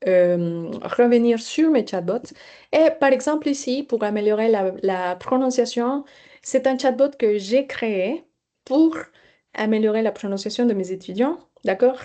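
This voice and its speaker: A woman's voice: medium pitch, expressive, moderate pace, mellow. A woman teacher giving a webinar presentation, explaining hesitantly with fillers.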